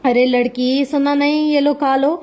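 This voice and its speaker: A woman's voice: sits high, little pitch movement, darkish tone, lightly acted. A woman voicing a stern but caring middle-aged aunt who scolds and fusses. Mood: scolding. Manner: scolding, bossy.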